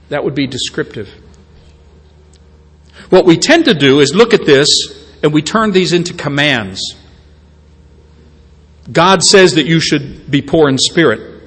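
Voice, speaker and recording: A man preaching with a somewhat high voice, talking to his congregation in an easy, conversational way. He stumbles and restarts his sentences now and then and pokes fun at himself. His voice carries a long reverb from a large hall. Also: fairly bright tone, husky. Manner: conversational, stammering restarts, self-deprecating. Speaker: pastor. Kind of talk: sermon.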